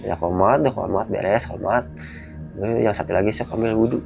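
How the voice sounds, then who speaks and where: A man's voice: on the low side, brisk, vocal fry, over music. A man telling a personal story in casual speech, acting out the dialogue as he goes. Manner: vivid, animated retelling with quoted dialogue.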